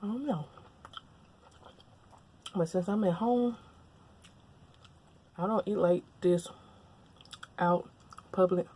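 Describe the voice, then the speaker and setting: A woman's voice: lowish voice, slow pace, pauses often, a little hiss or hum. Chatty woman from Louisiana, eating. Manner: relaxed, chatty, talks with mouth full. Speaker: mukbang vlogger. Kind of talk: casual chat while eating. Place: at home, indoors. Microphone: lapel mic.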